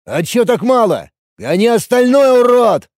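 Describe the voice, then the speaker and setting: A man plays a shouting young street thug, high, loud and swinging wildly in pitch as he curses. The voice is dry and close, like a storybook read right into the mic. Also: big pitch swings, unhurried, dry recording. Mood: aggressive. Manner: yelling, swearing. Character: aggressive young male thug, shouting and menacing.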